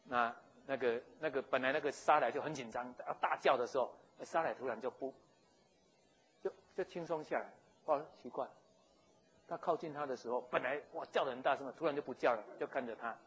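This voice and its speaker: A man, telling a story in a sermon in an animated, jokey way. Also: mid-range voice, fast talker, husky, rough recording. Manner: animated, jokey, with frequent chuckles and restarts. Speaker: pastor.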